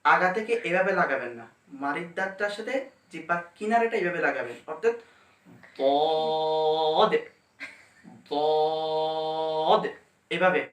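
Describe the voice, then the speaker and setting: A man teaching pronunciation step by step, demonstrating each letter slowly and carefully. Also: high voice, animated, sharp tone, distant mic. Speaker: Quran teacher. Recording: echoey room, mic set back.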